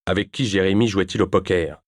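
A curt, impatient grown man who speaks bluntly, in a deep voice, as a male audiobook reader plays him. The reading is close and dry. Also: steady tone, brisk, no room sound.

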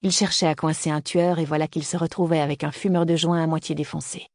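Steady male audiobook reader, even delivery, dry studio sound. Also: on the high side, fast, dry recording. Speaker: audiobook narrator. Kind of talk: scripted narration.

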